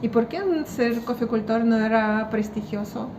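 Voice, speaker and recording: A woman's voice: a little high, little pitch movement, moderate pace. A woman hosting a casual interview, bubbly and inquisitive, with short affirmations. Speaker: interview host. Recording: noisy background.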